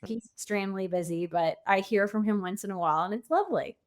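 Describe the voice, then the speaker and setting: In casual conversational storytelling on a podcast, a woman who works as an author and coach talks fast in a medium-pitched voice, relying on anecdotes and quotes she acts out.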